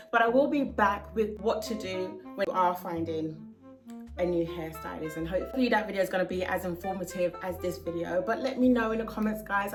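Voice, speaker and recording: Earnest woman giving heartfelt advice. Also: medium pitch. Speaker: hair vlogger. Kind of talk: casual talking-to-camera vlog.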